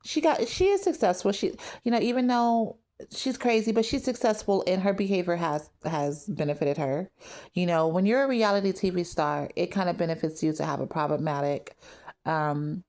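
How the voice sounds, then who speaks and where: A woman's voice: on the low side, moderate pace, a little mellow. A woman giving blunt, candid opinions on reality TV in a casual vlog. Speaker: reality TV commentator.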